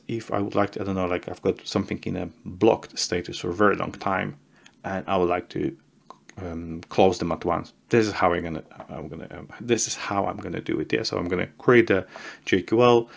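Low gravelly man walking through software. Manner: conversational, restarts and repeats words, stresses key warnings. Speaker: software tutorial presenter. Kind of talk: casual screen-share tutorial.

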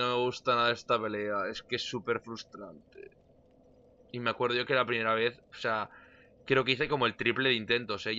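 A young man from giving casual let's-play commentary, excitable and swinging between loud outbursts and muttering. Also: mid-range voice, clear, resonant tone, highs cut off. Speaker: gameplay commentator.

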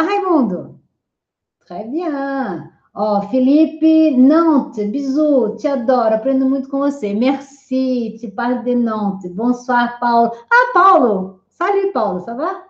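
A woman's voice: fairly high pitch, a little mellow. A woman French teacher hosting a live class, cheerfully reading out viewer comments and greeting each person by name. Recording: roomy, dull lo-fi stream audio.

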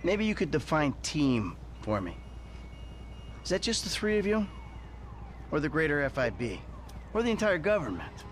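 A man's voice: a little high, very animated, normal speed, long pauses. An actor playing a cocky male criminal who answers with dry, sarcastic quips in a video game cutscene. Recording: game audio under loud gameplay noise.

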